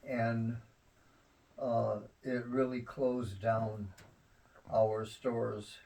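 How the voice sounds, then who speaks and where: An elderly man reminiscing in a rambling grandpa way about family history, halting often and repeating his words. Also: mid-range voice, flat delivery, gravelly, warm tone, distant mic, low-quality recording. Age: 70s or older.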